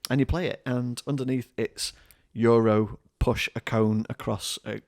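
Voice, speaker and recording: A man's voice: mid-range voice, steady tone, measured pace, a little mellow, no echo, clean studio sound. A man co-hosting a board game podcast, rambling in casual chat with wry jokes and frequent laughs. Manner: chatty, rambling, laughs often, wry joking. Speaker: podcast co-host.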